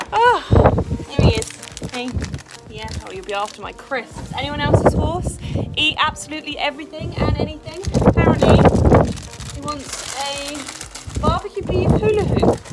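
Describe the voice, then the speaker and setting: A woman chatting casually to camera in a horse vlog, upbeat and talkative, also chatting to her horse. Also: sits high. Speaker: horse vlogger. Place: kitchen, car, then horse stable.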